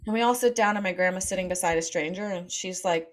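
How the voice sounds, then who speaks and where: A woman's voice: lowish voice, quick pace. A woman telling family stories to an audience, laughing often and acting out quoted voices. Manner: warm anecdotal, laughs often, acts out quotes. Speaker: speaker. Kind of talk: storytelling talk to an audience.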